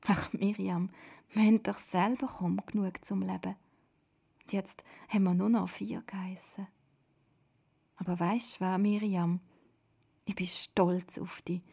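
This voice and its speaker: A woman with a Swiss German accent voicing a gentle, proud village mother in whispered role-play. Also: mid-range voice, level tone, a little slow, vocal fry, long pauses, breathy edge. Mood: tender.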